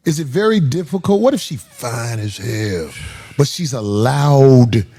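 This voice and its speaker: A man hosting a casual comedic panel talk, animated and profane, slipping into put-on shouts. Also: mid-range voice, unhurried, husky. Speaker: host.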